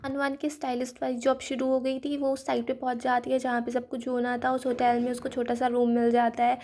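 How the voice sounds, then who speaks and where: Woman w/ a high voice doing a chatty drama recap, reads out the characters' lines herself, drops english words in. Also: completely flat delivery, a little fast, darkish tone, slight background noise. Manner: retells dialogue lightly in her own voice, mixing English words. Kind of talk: casual spoken story recap.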